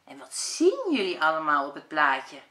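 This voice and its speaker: A woman kindergarten teacher reading a picture book aloud to young children, expressive and asking them questions. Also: deep voice, normal speed. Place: school room. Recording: echoey room.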